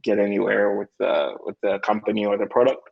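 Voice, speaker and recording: A man's voice: fairly low pitch, brisk, gravelly, dull audio. A young man from Malawi, a tech guest speaking casually in an interview with lots of fillers. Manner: relaxed, many fillers like "like" and "um".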